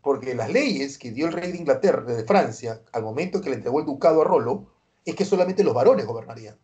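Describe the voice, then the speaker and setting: A man from Peru teaching a pre-university history class, telling it as a lively story with frequent check-in questions. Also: mid-range voice, quick pace. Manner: animated, tag questions like ¿ya? and ¿no?.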